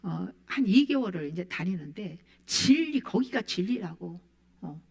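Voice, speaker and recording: A woman's voice: on the low side, lively intonation, a little slow, creaky, darkish tone. A woman preaching a sermon, quoting scripture with emphatic rises and falls. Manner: emphatic, rising and falling preaching voice.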